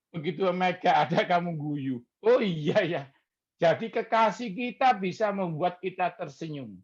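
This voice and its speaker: A middle-aged male pastor, preaching with a pitch that leaps up and down. He jokes and keeps calling on the congregation for amens. The recording sounds dull and lo-fi. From Surabaya, Indonesia. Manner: lively, chatty, jokes with the congregation and calls for amen. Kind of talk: evening prayer sermon.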